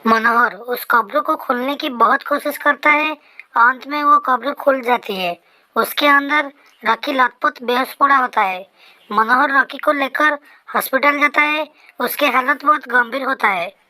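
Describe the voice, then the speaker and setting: A woman narrating a Hindi horror story in a steady, suspenseful way. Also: sits high, measured pace, low-quality recording.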